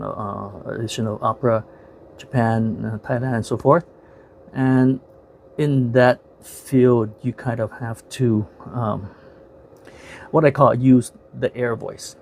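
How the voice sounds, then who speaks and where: A man's voice: fairly low pitch, vocal fry, darkish tone, slight background noise. A man giving a casual, rambling movie review, full of filler words and self-corrections, frank and opinionated.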